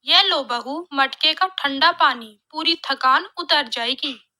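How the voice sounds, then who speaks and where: A woman voicing a kind older village mother-in-law who speaks softly and soothingly. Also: high-pitched, slow pace, full character voice. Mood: gentle.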